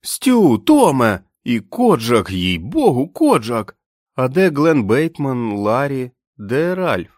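A man voicing a jittery, excitable young male sentry who babbles eagerly in an audiobook. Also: medium pitch, normal speed, no echo, studio quality, pitched above the performer's own voice, lightly acted. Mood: excited.

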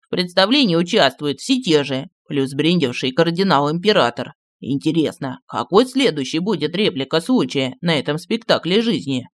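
Чтец изображает напыщенного героя, протяжно и театрально, сухая запись. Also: male voice, on the high side, big pitch swings, normal speed, no echo. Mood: pompous. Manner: declamatory, mocking. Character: theatrical man, pompous, fond of grand phrases.

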